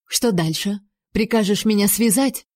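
A woman voicing a proud young noblewoman who speaks in a sharp, accusing way. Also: medium pitch, a little slow, no room sound, studio quality, close to an everyday voice. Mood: furious.

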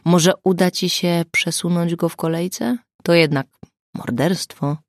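A woman's voice: lowish voice, steady tone, measured pace, dry recording, clean studio sound. A woman voicing a male police sergeant in an audiobook, asking short, hopeful questions.

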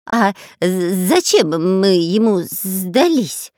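Woman reader doing a nasal-pitched, cowardly male robber, whiny and raised, with a dry close sound. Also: very animated, normal speed, no room sound. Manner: whining, squealing, quarrelsome. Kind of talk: audiobook character voice.

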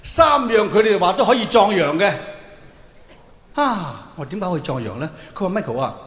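In an echoey large hall with noticeable reverb and faint noise, a male comedian with a Hong Kong Cantonese accent does stand-up for a live audience. His voice sits high and is expressive at normal speed, and he acts out dialogue in theatrical, exclamatory stories.

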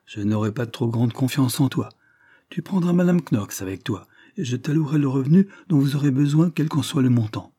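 Man reading a brooding young lord, terse, quiet replies, husky mellow voice. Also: medium pitch, normal speed, no room sound, studio quality, voice pushed up, close to an everyday voice.

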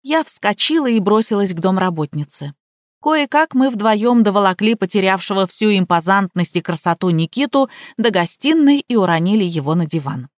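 A woman's voice: mid-range voice, animated, moderate pace, dry recording, studio quality. Woman reading an audiobook expressively. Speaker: audiobook reader. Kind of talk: scripted audiobook narration.

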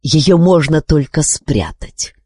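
A woman voicing a calm, wise male sorcerer who speaks unhurriedly with gentle irony. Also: sits low, takes it slowly, breathy edge, dry recording, studio quality, voice pushed up, exaggerated voice.

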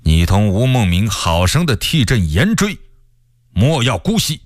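A man voicing a cold, suspicious emperor in a radio story, speaking slowly with quiet menace. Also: lowish voice, very animated, no room sound, clean studio sound. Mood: stern. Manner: slow, cold, measured menace.

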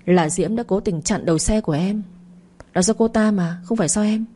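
A woman's voice: mid-range voice, fairly quick, breathy edge, natural voice. A woman voicing a smug scheming wife. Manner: calm, smug, dismissive. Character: cold, scheming young wife, smug villain.

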